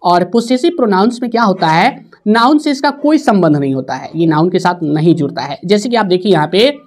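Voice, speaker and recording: A woman teaching an English grammar lesson to students, repeating each example and dictating sentences slowly word by word. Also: on the low side, expressive, darkish tone. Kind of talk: classroom lesson.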